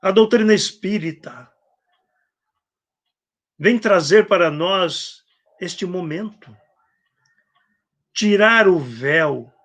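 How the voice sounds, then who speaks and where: A man with a Brazilian Portuguese accent giving a reflective spiritist sermon, acting out gospel quotes and clearing his throat often. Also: a little high, fairly bright tone. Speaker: spiritist speaker. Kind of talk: spiritist sermon on a live stream.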